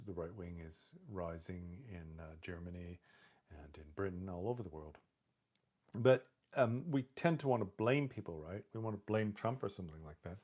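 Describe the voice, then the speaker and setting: A man's voice: lowish voice, a little mellow. A man talking in a casual livestream monologue, rambling and conversational, with frequent fillers and the odd laugh. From lives in Canada. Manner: rambling, conversational, with many fillers like "you know" and "right"; laughs now and then while talking. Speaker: livestream host.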